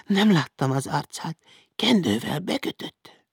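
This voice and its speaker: A man's voice: on the high side, lively intonation, vocal fry, a bit bright, slightly rough, no echo, studio quality, pitched above the performer's own voice, heavily acted. A man putting on a timid, trembling young maid. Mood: frightened.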